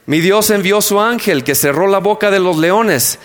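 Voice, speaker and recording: A man's voice: sits high, normal speed, a bit bright, pitched above the performer's own voice. A man voicing a faithful prophet who answers a king with a raised, earnest declaration.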